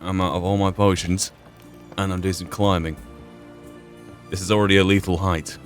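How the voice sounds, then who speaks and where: A man with a low-pitched, flat voice at a moderate pace comments casually and in an understated way on his video game playthrough. As a gamer and playthrough host, he thinks aloud while playing, with game music in the background.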